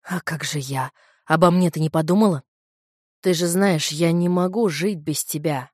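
A woman reads as a hurt young prince, his words wounded and accusing. The voice sits low and close, in a dry, deadened sound. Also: moderate pace, no echo. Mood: pleading. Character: hurt, reproachful young prince, the narrator's lover.

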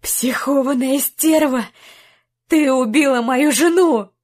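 A woman reading an audiobook voices a grief-stricken, furious young husband who shouts and accuses. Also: fairly high pitch, measured pace. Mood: anguished shouting. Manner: shouting, anguished.

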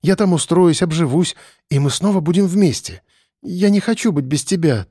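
A male reader voicing a young woman who is sad but stubborn, speaking softly and pleadingly in an audiobook. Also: a little high, expressive, moderate pace, breathy edge, no echo, clean studio sound, voice pushed up. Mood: hopeful. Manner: soft, pleading and strained. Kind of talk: audiobook character voice.

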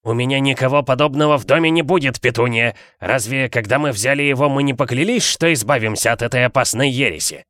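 Uncle Vernon, a blustering gruff uncle, read by a man. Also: mid-range voice, fast talker, few pauses, fairly bright tone, no room sound, clean studio sound, close to an everyday voice. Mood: gruff scornful. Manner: snapping, scornful, bellowing. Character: gruff blustering middle-aged uncle, bad-tempered.

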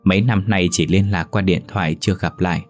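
A man narrating a story in a steady audiobook delivery. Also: low-pitched, fairly quick. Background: faint music.

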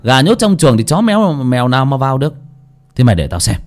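A man's voice: medium pitch, very animated, fast talker, a little mellow, faint music behind, pitched above the performer's own voice, natural voice. A man voicing a stingy, impatient rich master of the house who barks brusque questions. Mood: irritated.

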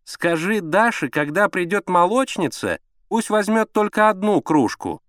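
A man voicing a fretful, capricious, pampered woman who pleads in a whiny, drawn-out way. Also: sits high, big pitch swings, a bit bright, no room sound, clean studio sound, voice pushed up, exaggerated voice.

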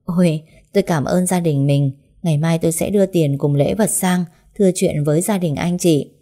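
A wealthy, doting mother pressing her son to get up, as a woman storyteller puts her on. Her voice is low, dark and mellow. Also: normal speed, lightly acted. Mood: pleased. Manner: pleading, urgent.

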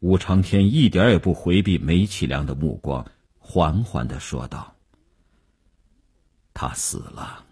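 A man narrating a radio story as a storyteller, in a husky voice and a slow, steady reading. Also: low-pitched.

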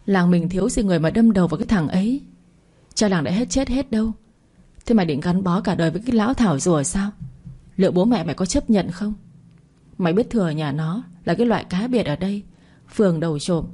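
A woman voicing a bold young village woman who scolds her friend in quick, sharp bursts. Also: mid-range voice, animated, breathy edge. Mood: scolding.

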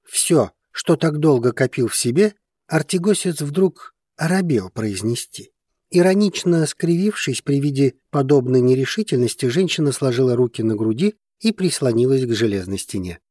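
A man narrating fiction for an audiobook in a measured, steady manner. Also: mid-range voice, no room sound, studio quality.

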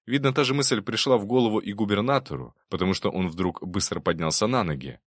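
Low-voiced male audiobook narrator. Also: fast, no room sound, studio quality.

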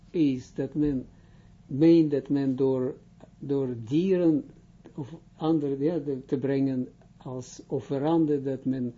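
A middle-aged man gives a religious lesson in a very dark, husky voice, speaking slowly and haltingly with frequent restarts. The recording is dull and lo-fi. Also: medium pitch. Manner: slow, halting, many restarts while translating and explaining. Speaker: religious teacher.

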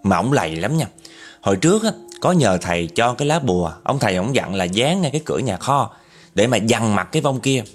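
A man's voice: mid-range voice, big pitch swings, a little fast. A man with a Southern Vietnamese accent telling a ghost story in a chatty way, talking straight to his listeners. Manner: chatty, addresses listeners directly.

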